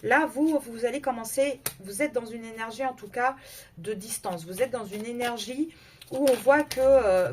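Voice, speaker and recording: A woman with a fairly high voice gives her viewers a casual tarot and oracle card reading. She speaks haltingly, full of fillers and self-corrections.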